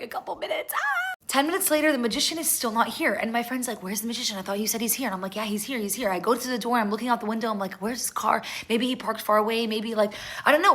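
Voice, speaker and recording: A young woman casually telling a story to her viewers, chatty and animated, with lots of "like". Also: on the high side. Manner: chatty, animated, fast-paced retelling with lots of "like". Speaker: vlogger.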